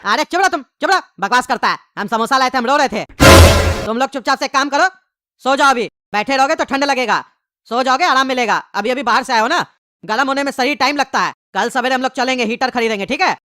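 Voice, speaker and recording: An exasperated cartoon father, played by a woman who keeps telling his sons to be quiet. He talks quickly and sounds high and bright. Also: no echo. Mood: scolding. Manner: scolding, impatient.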